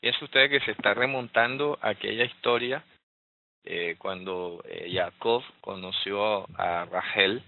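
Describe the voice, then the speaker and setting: A man teaching a Bible study, explaining slowly and checking in with listeners through rhetorical questions. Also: fairly low pitch, gravelly, dry recording. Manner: explanatory, frequent rhetorical "¿verdad?" and "eh" fillers. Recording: tinny phone-like line.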